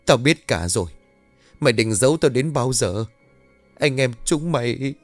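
A man's voice: medium pitch, expressive, measured pace, no room sound, faint music behind, lightly acted. A man voicing a fierce, bossy middle-aged village mother who scolds her children in a harsh, urgent way. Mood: angry.

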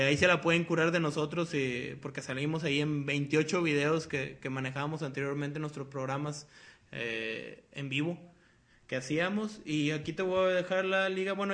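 A young man with a Mexican accent hosts a casual podcast, his voice on the high side and a bit bright. He rambles loosely, packing his talk with slang and swearing.

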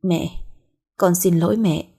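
A woman's voice: on the low side, steady tone, unhurried, gravelly, dark tone, husky, exaggerated voice. A woman voicing a guilty young man apologizing humbly to his mother. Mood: apologetic.

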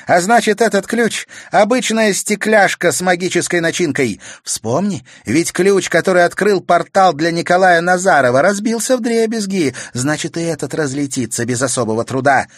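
A man voicing a brave young girl who speaks calmly and firmly, defiant toward a villain, in a storybook reading. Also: high voice, moderate pace, few pauses, no room sound, studio quality, pitched above the performer's own voice. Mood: reasoning. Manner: calm, firm, defiant.

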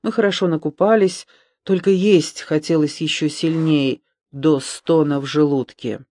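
A man reading an audiobook aloud in an even storytelling manner on a close mic. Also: on the high side, unhurried, no echo. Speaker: audiobook reader. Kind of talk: scripted narration.

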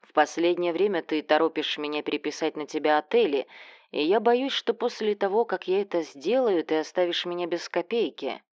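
A woman reads as a weary middle-aged father who holds his ground with calm, tired sighs. The voice is fairly low and close. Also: brisk, no echo, muffled recording, lightly acted.

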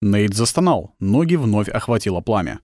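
A man narrating a dramatic audiobook in an expressive storytelling manner. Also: on the low side, normal speed, no echo, clean studio sound.

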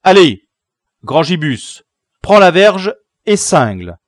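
A man doing a loud bossy village boy, the gang leader, yelling orders in a high pushed-up voice and mocking his prisoner, his tone swinging all over the place. It's a storybook reading recorded close and dry. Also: very animated, slow pace, dry recording, full character voice. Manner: loud, jeering, commanding.

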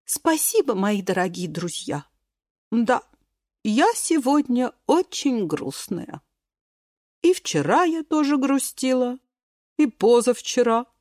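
A woman voicing a gentle, sad beet girl in a storybook who talks in a plaintive, tearful way. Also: a little high, sing-song, slow, no echo, studio quality, pitched above the performer's own voice. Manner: sobbing, plaintive.

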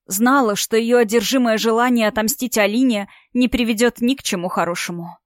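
A woman's voice: a little high, fairly quick, no room sound, clean studio sound, lightly acted. A woman voicing a tearful, distraught young woman who sobs and pleads with a trembling voice in an audiobook story. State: crying. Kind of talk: audiobook character voice.

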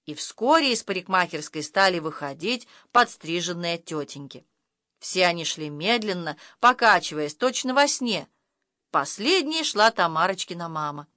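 A woman narrating a children's audiobook in an expressive, animated way. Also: lowish voice, normal speed, dry recording, studio quality. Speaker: audiobook reader. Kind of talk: scripted storybook narration.

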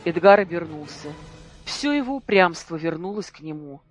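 Measured dramatic audiobook narrator. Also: mid-range voice, expressive, faint music behind. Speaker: audiobook reader.

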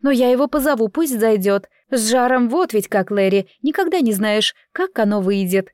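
Женщина играет суетливую болтливую горничную. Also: female voice, fairly high pitch, lively intonation, darkish tone, no echo, studio quality, close to an everyday voice. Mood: worried. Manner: quick folksy chatter, fussing and exclaiming. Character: bustling kind-hearted female chambermaid, chatty and fussy.

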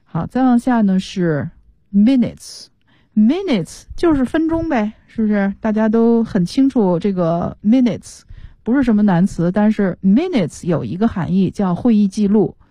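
A woman's voice: medium pitch, expressive, a little slow, mellow, no echo. A woman teaching an English lesson on the radio, explaining words patiently and mixing English terms into her talk.

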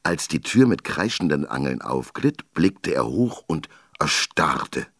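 A man narrating a children's story in an expressive, lively reading voice. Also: a bass voice, unhurried, no room sound, clean studio sound.

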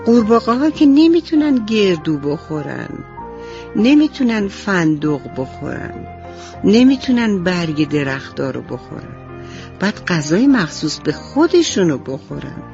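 A woman's voice: on the low side, dull audio. Woman telling a children's bedtime story. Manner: warm, affectionate addressing of children.

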